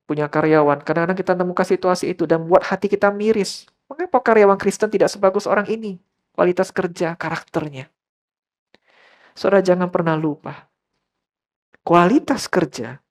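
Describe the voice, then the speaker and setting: A male pastor preaching a church sermon as a story, often turning to his listeners and dropping English phrases into his talk. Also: on the high side. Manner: storytelling, often addressing listeners as brothers and sisters.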